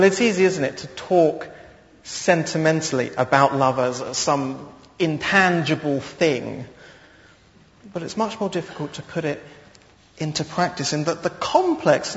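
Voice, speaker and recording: Male pastor, sermon, slow measured delivery, slightly high voice, long hall echo, dull sound. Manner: slow, measured preaching with pauses. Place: church hall.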